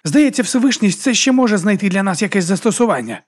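An earnest monk pleading for calm, his words quick and urgent, lifted a little above the narrator's own register, as a male narrator puts him on. Pressing rather than commanding. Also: high voice, voice pushed up.

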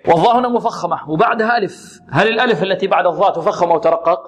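A man teaching Quran recitation, patiently repeating syllables slowly and asking and answering his own questions. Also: sits high. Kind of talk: tajweed lesson with recited examples.

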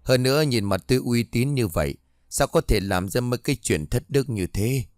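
A man voicing a calm, knowing old woman healer in a spoken ghost story. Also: medium pitch, normal speed, no room sound, studio quality, close to an everyday voice.

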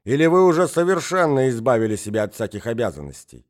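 A man's voice: fairly low pitch, sing-song, normal speed. A man reading an audiobook, voicing a domineering provincial lady who scolds and shrieks in fury. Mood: shrill.

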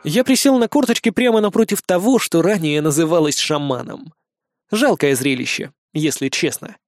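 A man reading a first-person audiobook on a close mic, declaiming rousing speeches within steady narration. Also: on the high side, moderate pace, no echo.

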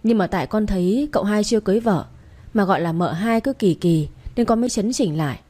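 A woman reading the part of a harsh, spiteful senior wife who scolds in a shrill, hissing way, in a narrated story. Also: quick pace, mellow, lightly acted. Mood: flustered.

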